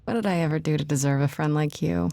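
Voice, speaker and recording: A woman's voice: sits low, fast, gravelly, warm tone, no echo. A woman playing an earnest, wary young woman in a video game, speaking in a hesitant, guarded, conversational way. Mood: wry, fond.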